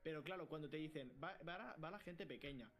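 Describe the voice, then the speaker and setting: A man from co-hosting a casual podcast, telling stories fast and laughing often. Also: on the high side, soft background music. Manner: fast, animated, laughing storyteller. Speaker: podcast co-host. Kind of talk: casual chat.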